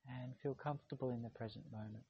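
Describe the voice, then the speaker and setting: A man speaking calm, slow, soothing instructions as he guides a meditation. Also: mid-range voice, muffled recording, a little hiss or hum.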